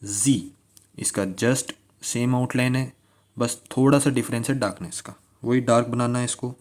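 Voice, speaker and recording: A man's voice: medium pitch, steady tone, normal speed, darkish tone. A man teaching shorthand strokes, repeating key words and asking listeners to pronounce along. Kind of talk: classroom-style tutorial.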